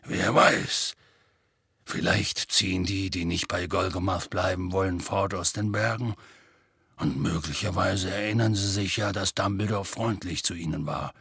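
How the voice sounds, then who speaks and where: A man voicing a huge, gruff, sad male half-giant gamekeeper in an audiobook, grumbling slowly and wearily. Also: fairly bright tone, no echo, studio quality, exaggerated voice. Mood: weary, gloomy. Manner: slow, low, weary grumbling. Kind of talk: audiobook character voice.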